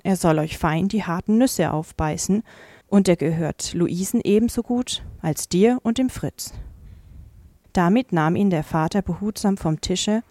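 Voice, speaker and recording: A woman narrating a classic fairy tale in a calm, measured reading voice. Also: on the low side, no echo, clean studio sound. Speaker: audiobook narrator. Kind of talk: scripted storybook narration.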